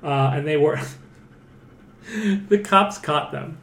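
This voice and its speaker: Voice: medium pitch, very slow, a bit bright. Rambling, swearing podcast host in a roomy space. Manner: rambling, swearing, filler-heavy. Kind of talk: casual podcast chat. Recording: roomy with faint noise.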